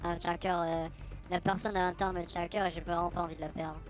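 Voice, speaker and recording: A woman's voice: on the low side, flat delivery, quick pace, faint music behind. A woman playing a hooded anonymous informant in a roleplay interview, speaking through a voice changer and hesitating, repeating her words. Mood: secretive, worried. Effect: voice disguised with a voice changer.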